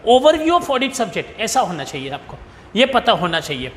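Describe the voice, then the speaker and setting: High-voiced male teacher dictating slowly. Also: big pitch swings, big-room sound. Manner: mixes Hindi with English terms, slows to dictate definitions. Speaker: commerce teacher. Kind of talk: recorded video lecture.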